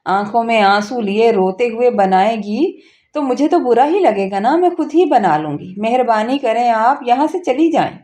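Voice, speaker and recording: A spoiled young sister-in-law, put on by a woman narrator, with a raised, mellow voice that snaps out every word in scorn. She sounds rude and sure of herself in this storybook reading. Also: fairly high pitch, lively intonation, normal speed, natural voice. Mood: scornful. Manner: scornful and snapping.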